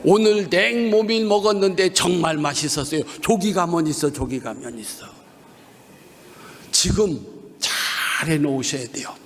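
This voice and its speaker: A man's voice: on the high side, measured pace, a little hiss or hum. A man preaching at an evening revival service with a Chungcheong Korean accent, leading the congregation in call-and-response lines. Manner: animated, leads the congregation in call-and-response repetition. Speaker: guest pastor. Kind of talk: revival sermon. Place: church sanctuary during an evening revival service. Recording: long reverb of a church hall.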